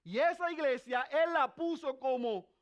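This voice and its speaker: A man preaching an expository sermon, putting rhetorical questions to the congregation and swinging between raised, emphatic passages and very quiet, low ones. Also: a little slow, muffled recording.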